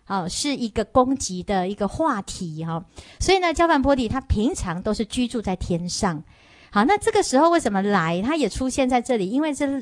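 Animated woman preaching. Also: a little high, dry recording. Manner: storytelling lecture with frequent "hao" and "ha" tags; animated, questions the listeners. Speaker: Buddhist nun teaching a sutra. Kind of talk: sermon.

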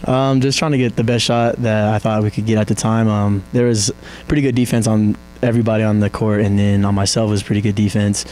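Soft-spoken young man, low flat voice. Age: young adult. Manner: soft-spoken, halting, many ums. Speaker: college basketball player. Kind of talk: postgame interview. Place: press backdrop indoors. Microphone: handheld mic held by interviewer.

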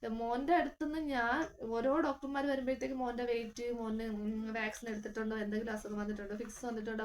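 High-voiced woman telling a personal story. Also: slight background noise. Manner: earnest, emotional retelling with many fillers. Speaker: vlogger.

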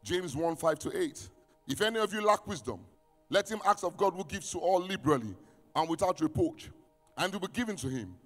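A man preaching a sermon as pastor, reading scripture and quizzing his congregation, swinging from shouts down to near-whispers. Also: high voice, expressive, a little fast. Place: church hall. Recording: reverberant church hall with music.

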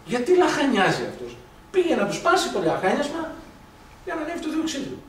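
A man giving a lively medical lecture, telling anecdotes, acting out dialogue and asking rhetorical questions. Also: extremely high pitch. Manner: animated storytelling, acts out dialogue, rhetorical questions. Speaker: doctor lecturing on blood gases. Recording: echoey hall from far off, faint noise.

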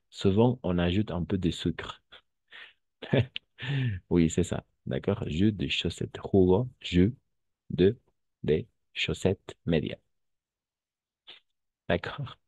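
A man's voice: low voice, lively intonation, slow, long pauses, mellow, breathy edge, no echo. A male French teacher giving an online class, patiently repeating words and switching into Spanish to explain them.

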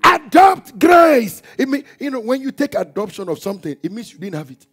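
A man preaching a church sermon, emphatic, with call-and-response shouts and chanting. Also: sits high, animated, fast, husky. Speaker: pastor. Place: church hall. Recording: church service with music and congregation behind. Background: music and congregation.

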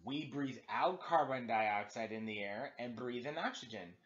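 Taking on a teacher's role, a man in his thirties reads a children's storybook with exaggerated, expressive emphasis in his living room at home. His mid-range voice keeps a moderate pace, and the audio sounds dull.

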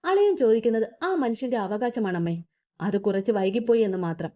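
A woman voicing a calm, resentful young man who speaks quietly and evenly, on a dull lo-fi recording. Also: on the high side, lightly acted. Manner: quiet, measured.

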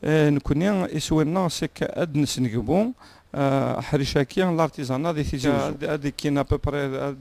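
Fast gravelly man on handheld mic. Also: fairly high pitch, darkish tone. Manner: fast, with many fillers. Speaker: local official. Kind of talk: interview. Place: indoors by a tiled wall.

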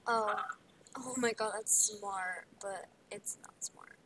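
A woman's voice: medium pitch, slow. A woman giving playful, rambling commentary while playing a video game, often dropping into whispers, over a noisy home recording. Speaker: gaming video creator. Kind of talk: casual gameplay commentary.

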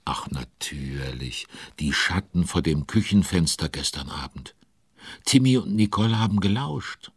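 A heavily acted narration for a children's audio drama comes from a man with an extremely low, husky voice, recorded dry at studio quality. He tells the story chattily and with involvement, dropping conspiratorial asides.

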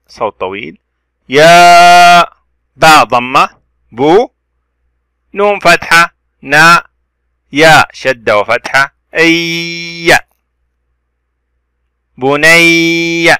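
A man teaching children to read, spelling out letters and vowel marks slowly and stretching the words. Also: mid-range voice, no echo. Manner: bright, clear, dry close voice. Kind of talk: children's reading lesson.

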